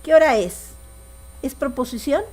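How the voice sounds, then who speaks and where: A woman's voice: sits high, a little slow, darkish tone, slightly rough. A woman teaching a secondary school logic lesson, often checking that the class follows. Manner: asks the class frequent check questions.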